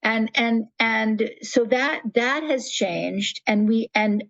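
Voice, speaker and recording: A woman's voice: fairly high pitch, takes it slowly, gravelly, no echo, lo-fi sound. An older woman telling stories as a guest in a conversational interview, restarting sentences and acting out quotes. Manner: animated storyteller, acts out quotes, restarts often. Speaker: guest, nonprofit founder.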